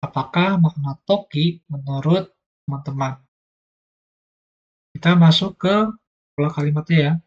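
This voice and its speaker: Husky-voiced man teaching a language lesson. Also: on the high side, a little slow, pauses often, a little mellow, dull audio. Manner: patient, step-by-step explaining. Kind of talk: online lesson explanation.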